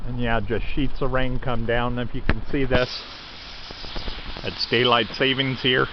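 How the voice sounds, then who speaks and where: A man's voice: medium pitch, level tone, unhurried. A man giving a casual, rambling weather update as an outdoor vlogger, with wind hitting the mic. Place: outdoors at a farm in stormy wind and rain. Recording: dull audio, loud wind buffeting the mic.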